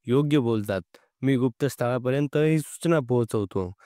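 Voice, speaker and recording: A man's voice: medium pitch, normal speed, mellow, dry recording, studio quality, lightly acted. A man reading the lines of a resourceful, confident male spy in a storybook narration, eager and sure.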